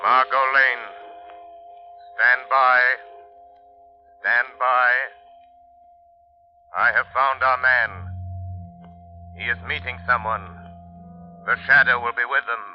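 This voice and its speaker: An unseen avenger looms in this old radio play, played by a man with a slow, booming, faraway voice. He gives commands in an ominous drawl. The recording is dull and muffled. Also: fairly even intonation, faint music behind, natural voice. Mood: commanding. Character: the Shadow, eerie unseen male avenger. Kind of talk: 1940s radio acting.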